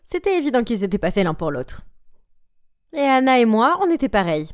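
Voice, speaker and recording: A woman's voice: fairly high pitch, sing-song, fairly quick, no echo, clean studio sound. A woman narrating a dramatized story in the first person and voicing all the characters herself. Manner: voices every character herself.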